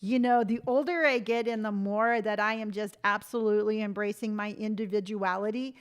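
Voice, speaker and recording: A woman's voice: medium pitch, fairly even intonation, fairly quick, clean tone. A woman in her late fifties chatting on a live stream, reading viewer comments aloud and telling stories with emphatic conviction. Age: 50s. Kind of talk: casual live-stream chat.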